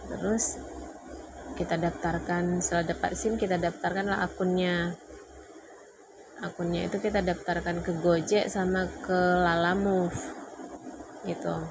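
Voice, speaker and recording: A woman casually telling a personal story in a lively way, getting louder when she recalls arguments. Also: fairly low pitch. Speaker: vlogger telling her marriage story. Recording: clearly noisy background.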